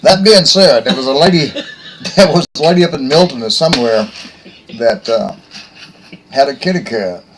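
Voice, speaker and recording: A man hosting his own show, telling a rambling story in a folksy, rough-spoken, joking way. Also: medium pitch, expressive, normal speed, long pauses, a little hiss or hum, low-quality recording. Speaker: host. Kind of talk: casual rambling monologue.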